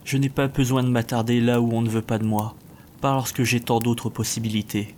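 A man reading aloud, voicing a contemptuous bodiless male spirit that speaks slowly and commandingly. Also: mid-range voice, flat delivery, darkish tone, slight background noise, close to an everyday voice. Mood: scornful. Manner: scornful, slow and commanding.

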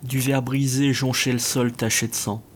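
A man reading a dark fantasy story aloud as narrator, steady and measured. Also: medium pitch, slight background noise. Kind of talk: scripted narration.

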